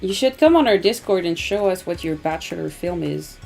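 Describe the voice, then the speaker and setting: A woman's voice: fairly low pitch, expressive, normal speed, gravelly, darkish tone, faint music behind. Giggly woman hosting a chatty stream. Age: 30s. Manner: giggly, chatty, with many fillers. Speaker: livestream host. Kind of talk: casual chat.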